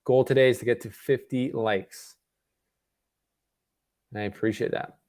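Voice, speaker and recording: A young man from Canada talks through a tennis match for his live-stream viewers from home. His voice sits in an everyday middle pitch, and his talk is loose and conversational, full of fillers and restarts. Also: measured pace. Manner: relaxed, chatty, with filler words and self-corrections. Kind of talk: casual live watch-party commentary. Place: home room.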